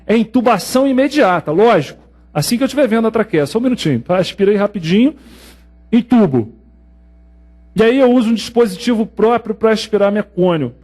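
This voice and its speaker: A man with a Brazilian Portuguese accent giving an exam-prep medical lecture, telling stories and acting out scenes as he teaches. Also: high-pitched. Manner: lively storytelling, acts out scenes. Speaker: pediatrics lecturer.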